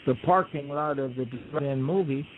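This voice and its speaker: A man's voice: mid-range voice, normal speed. A man guest telling stories in a folksy, rambling way, acting out quoted voices. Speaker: guest storyteller. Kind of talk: relaxed conversational storytelling. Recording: tinny phone line with faint hiss.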